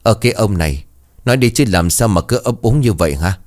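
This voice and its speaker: A man's voice: lowish voice, animated, brisk, darkish tone, natural voice. A man voicing a domineering middle-aged wife who scolds and wails at her husband. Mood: scolding. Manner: wailing, scolding.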